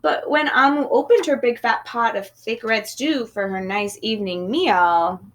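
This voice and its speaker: A woman reading a children's picture book aloud in an expressive storytelling manner. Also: a little high, a little slow. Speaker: storybook reader.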